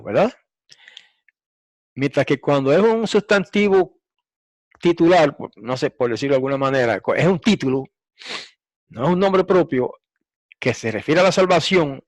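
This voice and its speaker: Man, Bible teacher, recorded lesson, explains and repeats, mid-pitched voice, dry sound. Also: dry recording. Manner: explanatory, repeats points for emphasis; frequent throat clearing and fillers.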